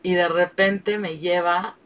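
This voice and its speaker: A woman's voice: lowish voice, slow. Frank Mexican woman, storytelling. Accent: Mexican Spanish. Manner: animated, frank, laughs often. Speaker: guest. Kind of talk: candid storytelling. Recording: voice distant from the mic.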